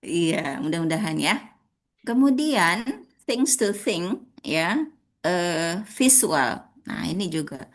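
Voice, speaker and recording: A woman with an Indonesian accent leading a public speaking workshop, talking directly to the participants and acting out rising and flat intonation as examples. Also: fairly low pitch, takes it slowly. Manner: addresses audience as friends, demonstrates intonation.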